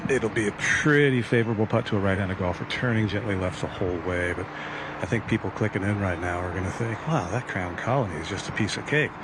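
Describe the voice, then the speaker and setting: A man's voice: on the low side, quick pace, very noisy. A man giving live golf commentary as an analyst, in an analytical, emphatic way.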